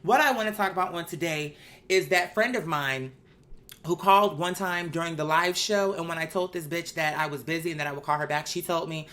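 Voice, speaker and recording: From a bedroom, a host tells a story into a microphone in a casual monologue. The medium-pitched voice is a little fast, bright and forceful, and the delivery is sassy, candid, profane and emphatic.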